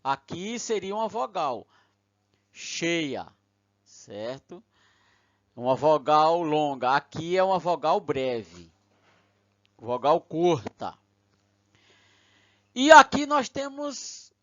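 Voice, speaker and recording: A teacher with a voice on the high side gives a recorded lecture, explaining things patiently one step at a time and often checking in with his listeners. The recording is dry and dull, with a lo-fi quality.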